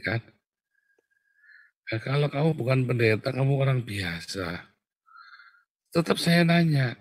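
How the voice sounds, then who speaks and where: A man preaching a sermon in a casual, animated way, often calling out to his listeners and acting out little quoted exchanges. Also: dry recording, studio quality. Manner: animated, jumps to loud high exclamations and acted quotes; colloquial, addresses listeners as Saudara. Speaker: pastor.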